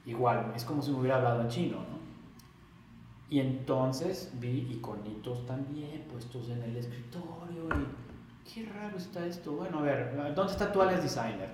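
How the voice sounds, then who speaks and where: In a very echoey room with a little background noise, a Mexican man shares a story in an informal interview at a moderate pace and medium pitch. When he reenacts past exchanges, his voice turns louder and more lively.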